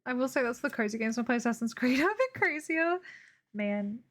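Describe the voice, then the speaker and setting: High, lively giggly woman streamer. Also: brisk. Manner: giggly, laughs often, playful. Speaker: art streamer. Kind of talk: casual chat while drawing.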